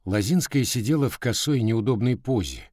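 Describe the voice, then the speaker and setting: Man reading a story out loud, lively up and down voice, close dry mic. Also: medium pitch, moderate pace, no room sound. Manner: expressive, storytelling. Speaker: reader.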